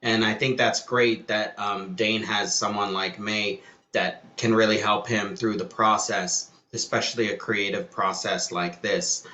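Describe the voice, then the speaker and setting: A man moderates a panel in a bright, forceful voice pitched a little low, pausing often on "um". The room around him is echoey. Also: fairly even intonation. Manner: warm praise, hesitant, many "um"s. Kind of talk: panel discussion.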